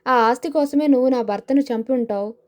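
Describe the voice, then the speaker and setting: A woman's voice: high voice, brisk, a little mellow, lightly acted. A woman doing a fierce grieving widow. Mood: accusing. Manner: fierce, accusing questions. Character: grieving widow accusing a man of murder.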